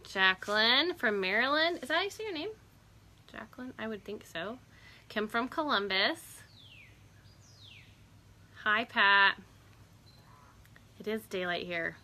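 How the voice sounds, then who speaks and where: A woman's voice: on the high side, expressive, unhurried, long pauses, pushed and bright. A woman hosting a casual live stream outdoors on a porch, chatty, greeting viewers by name and laughing often.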